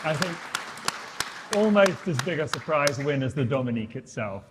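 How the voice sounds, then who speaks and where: A man's voice: a little high, animated, normal speed, a loud crowd, very noisy. A man compering an awards segment at a dinner, dry and jokey, drawing out the names he announces. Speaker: event compere. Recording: long hall reverb, faint clicks.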